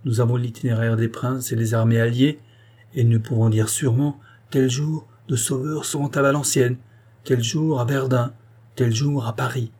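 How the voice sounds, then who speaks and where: A man's voice: medium pitch, steady tone, moderate pace, a little mellow, lightly acted. A man reading an audiobook voices a proud, anguished queen, speaking in a dignified, bitter, commanding way. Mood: resolute. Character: proud anguished queen, woman, middle-aged. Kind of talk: audiobook character voice.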